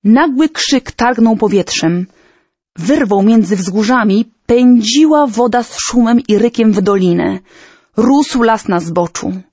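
A woman reading a historical story aloud in a measured, solemn, dramatic manner. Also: a little high, a little mellow, breathy edge, dry recording. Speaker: narrator. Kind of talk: storybook narration.

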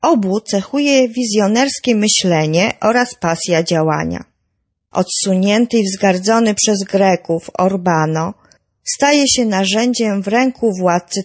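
A woman presenting a novel in calm, informative scripted narration. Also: mid-range voice. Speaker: book presenter.

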